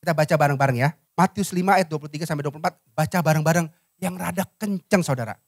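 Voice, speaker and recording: A male pastor, preaching a sermon and leading the congregation in reading. His voice drops soft and low at the ends of phrases. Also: very fast, creaky, no room sound, studio quality. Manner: addresses listeners as "saudara", dropping soft and low at phrase ends; leads congregation in reading aloud by counting.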